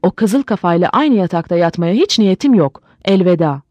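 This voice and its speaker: A woman's voice: fairly low pitch, expressive, moderate pace, mellow, no echo. A woman reading as a drunk, ranting German husband. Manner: sobbing, ranting, then gushing. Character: heartbroken, drunk middle-aged German husband.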